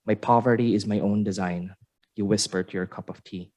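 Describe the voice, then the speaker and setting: Man, spoken-word poet, measured lyrical delivery, lowish voice, open mic. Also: fairly even intonation, darkish tone. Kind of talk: spoken-word poetry reading. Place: university exhibition room with seated audience.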